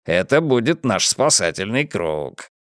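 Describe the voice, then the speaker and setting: A man reading an audiobook and voicing a pushy publisher who talks smoothly and coaxingly. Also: lowish voice, big pitch swings, measured pace, no room sound, clean studio sound. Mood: wheedling. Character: pushy male publisher, slick and unbothered.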